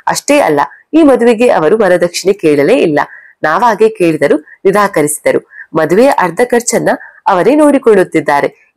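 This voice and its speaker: A kind, wise aunt from a storybook, calm and advising, as a woman narrator puts her on. Her voice sits at an ordinary middle pitch. It is recorded dry and close. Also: dry recording.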